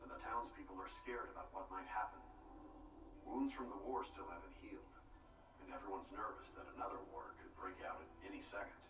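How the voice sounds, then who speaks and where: A man voicing an earnest, protective adult bar owner in an anime dub, speaking with low, steady concern. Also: a little fast, background noise, natural voice. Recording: echoey, distant TV audio with music.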